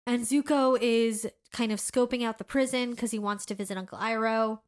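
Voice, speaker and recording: A young woman co-hosting a casual podcast, gushing excitedly about a show and acting out the characters' lines. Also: fairly high pitch, normal speed. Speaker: podcast co-host. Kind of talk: casual chat.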